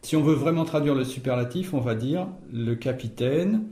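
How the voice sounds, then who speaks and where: A man's voice: mid-range voice, lively intonation, moderate pace, mellow, reverberant. A man teaching an Esperanto class, patiently correcting pronunciation and explaining words step by step. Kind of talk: classroom language lesson.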